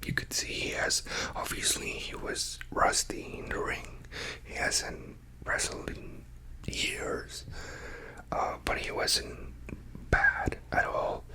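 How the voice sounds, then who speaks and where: A person whispering a casual, rambling ASMR chat, hushed and quiet as if late at night, often trailing off between thoughts. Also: takes it slowly, rough recording. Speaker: ASMR creator talking to followers.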